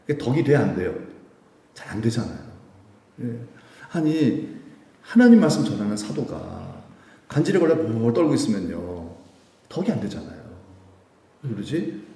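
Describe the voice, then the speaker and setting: A man's voice: medium pitch, sing-song, normal speed, long pauses, warm tone. A male pastor preaching a midweek prayer service sermon, asking the congregation rhetorical questions and acting out quoted prayers. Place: church sanctuary. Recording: echoey church room.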